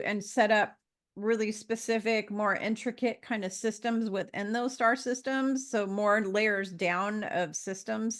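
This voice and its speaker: A woman's voice: a little high, a bit bright. A woman in her fifties speaking as a guest in a casual conversation, meandering along with frequent fillers and restarts. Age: 50s.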